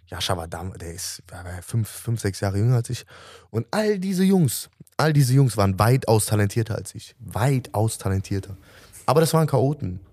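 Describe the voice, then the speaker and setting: A man's voice: fairly low pitch, big pitch swings, moderate pace, darkish tone, no room sound, studio quality. A man in his thirties, a musician guest, talking earnestly and reflectively in a casual interview, often restarting his sentences.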